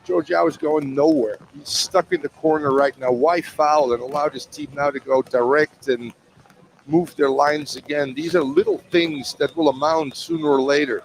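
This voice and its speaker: Man, color commentator, gravelly voice, slightly high, faint noise. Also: normal speed, poor audio. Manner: opinionated, blunt, joking. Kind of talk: analytical match commentary.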